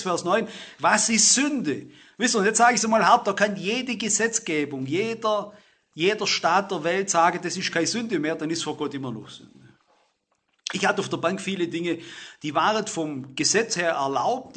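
Middle-aged male preacher, emphatic sermon delivery, high and sharp-toned. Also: slightly rough. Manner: emphatic, swings between loud stress and low asides.

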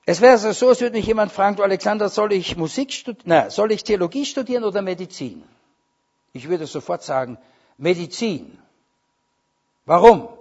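A man preaching a sermon, emphatic, with loud stressed words and quieter asides. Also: high voice, lively intonation, normal speed. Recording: dull lo-fi recording.

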